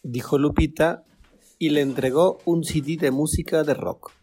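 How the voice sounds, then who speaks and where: A man narrating a radio drama. His voice is husky and his storytelling plain. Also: on the high side, fairly even intonation, normal speed, dark tone. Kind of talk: scripted narration.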